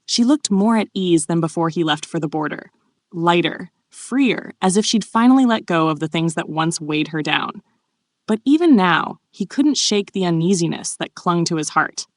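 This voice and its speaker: A woman giving a steady scripted narration of a story recap. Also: lowish voice, moderate pace, no echo.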